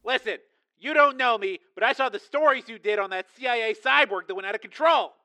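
Man acting desperate army sergeant, high strained voice. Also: brisk, pushed and bright, exaggerated voice. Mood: desperate, insistent. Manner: urgent, strained, commanding. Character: desperate, urgent male army sergeant on the run. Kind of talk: acted dialogue in audiobook narration.

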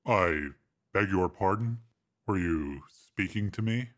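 A man reading a story aloud, voicing a formal, composed male bodyguard in a deep, measured voice. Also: lively intonation, fairly bright tone, exaggerated voice.

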